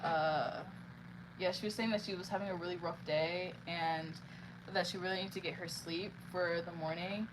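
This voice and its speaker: A woman's voice: fairly low pitch, fairly even intonation, normal speed, noisy background. A blunt young woman telling a story in casual chat as she streams herself painting, full of fillers as she acts out what others said. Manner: blunt, chatty, heavy on "like" fillers, acts out quotes. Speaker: artist streaming live.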